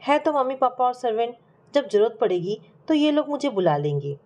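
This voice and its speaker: A woman's voice: a little high, expressive, fairly quick, darkish tone, natural voice. A woman voicing a weak dying husband. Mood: curt. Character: dying middle-aged husband, remorseful and weak.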